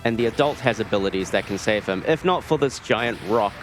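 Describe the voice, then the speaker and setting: Game music runs underneath this New Zealander's expressive, lowish voice as he plays through a live speedrun at a marathon event. He talks fairly quickly, keeping his commentary relaxed and dryly funny.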